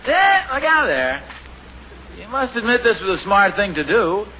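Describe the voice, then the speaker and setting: In a scratchy, hissy 1950 radio broadcast with muffled sound, a middle-aged man acts in a sitcom as a friendly family father who gets flustered easily. His voice sits high with big pitch swings, unhurried, and he chuckles amiably in a slightly bumbling way.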